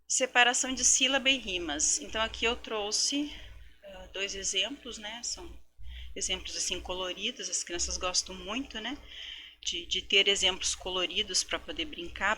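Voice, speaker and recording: A female teacher with a Brazilian Portuguese accent and a medium-pitched, sharp-toned voice records a lecture for education students. She explains things step by step, frequently adds tag questions, and demonstrates words by sounding them out slowly, syllable by syllable.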